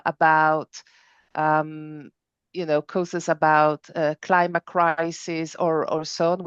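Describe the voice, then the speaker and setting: A woman's voice: lowish voice, smooth, no room sound, lo-fi sound. A middle-aged woman from Switzerland and southern Italy, an earnest podcast guest who talks with many fillers and restarts. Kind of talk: conversational interview.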